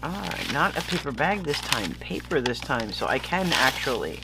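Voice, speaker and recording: A man's voice: mid-range voice, sing-song, moderate pace, heavy background noise. A sniffly man chatting casually as a vlogger unboxing purchases, rambling and easily losing his thread. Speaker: vlogger showing stationery purchases.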